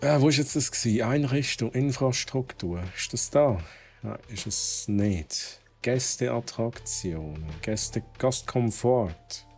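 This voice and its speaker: A man's voice: mid-range voice, slow pace, a little mellow, faint music behind. A man with a Swiss German accent streaming a video game, thinking aloud as he plays and dropping English exclamations. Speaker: gaming streamer. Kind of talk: casual let's-play commentary.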